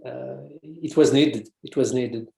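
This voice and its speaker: The recording is low-quality and reverberant, capturing a gravelly, dark, medium-pitched voice speaking slowly. He's a French researcher and author guesting in a casual interview, hesitant in his accented English and frequently starting over.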